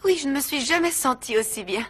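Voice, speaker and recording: A woman's voice: sits high, lively intonation, brisk, a bit bright. A woman in a dubbed telenovela playing a mother who speaks sweetly and gushingly.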